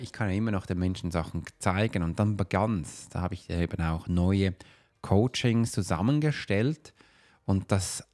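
A man's voice: sits low, a little mellow. A man hosting a solo podcast, talking casually and encouragingly straight to the listener as a coach. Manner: informal, chatty and encouraging, addressing one listener familiarly.

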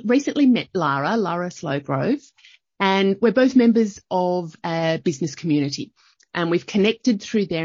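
A woman's voice: on the low side, a little mellow, slightly rough, dry recording, muffled recording. Bubbly woman podcast host. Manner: bubbly, enthusiastic. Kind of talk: casual interview chat.

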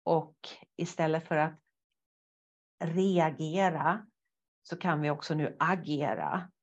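A woman guest therapist speaking thoughtfully with some hesitations, animated when acting out inner thoughts. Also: low-pitched, highs cut off. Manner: thoughtful, hesitant with fillers, lively when quoting inner voices. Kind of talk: conversational interview.

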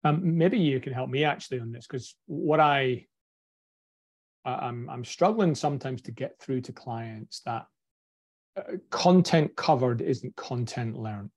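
A man with a broad Scottish accent talking reflectively in a podcast discussion, building his points in measured lists. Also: medium pitch, a little mellow.

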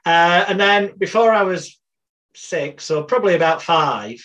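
A British man in his forties, appearing as a podcast guest, tells life stories in a casual interview, rambling, wry and anecdotal. His voice is high and a little slow, with crowd noise in the background.

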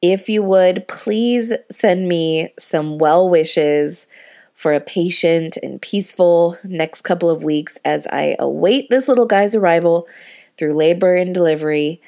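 A woman's voice: fairly low pitch, a little slow, warm tone. Heavily pregnant woman hosting a motivational podcast. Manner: earnest, encouraging, addressing listeners as friends. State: heavily pregnant, thirty-nine weeks. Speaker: podcast host and life coach.

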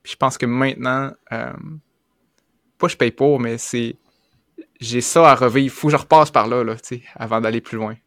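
A man's voice: mid-range voice, steady tone, fairly bright tone, no echo. Earnest Québécois man, dry sound. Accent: Québécois French. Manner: earnest, halting, self-correcting. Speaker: podcast participant. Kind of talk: personal confiding chat.

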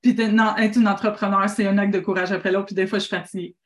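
A woman with a Québécois accent, a business coach hosting a call-in show, talking in an animated, rambling way full of restarts. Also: mid-range voice, fast talker, echoey room. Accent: Québécois French. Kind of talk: casual call-in coaching talk.

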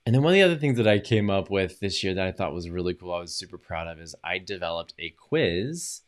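Speaking fast and animated in a low voice, a male podcast host who also coaches people on social media runs a lively solo monologue. He's recovering from a lost voice, and his talk is chatty and upbeat, dotted with fillers and self-corrections.

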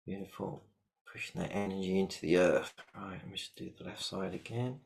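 A man leading a guided shamanic meditation, giving calm, repetitive step-by-step instructions. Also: deep voice, fairly quick, vocal fry.

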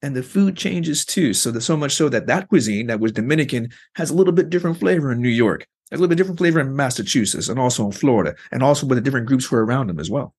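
Male researcher guest, quick and husky, explanatory, filler-heavy conversational delivery. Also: medium pitch, lively intonation, darkish tone. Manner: explanatory, frequent fillers like "like" and "you know". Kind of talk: conversational interview.

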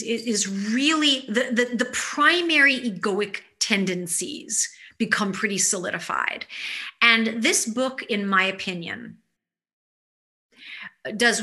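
A woman yoga educator giving a spiritual teaching talk in a thoughtful, halting way, often repeating words as she goes. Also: mid-range voice, bright, forceful tone.

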